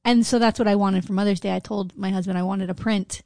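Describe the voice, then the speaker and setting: A middle-aged woman talks as a podcast co-host with a creaky, gravelly voice strained from shouting. She is blunt and casual, swears freely and peppers her talk with "like". The sound is dry and close. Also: mid-range voice, fairly even intonation, quick pace, dry recording. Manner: blunt, profane, uses "like" constantly. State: strained throat after a day of screaming. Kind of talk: casual candid chat.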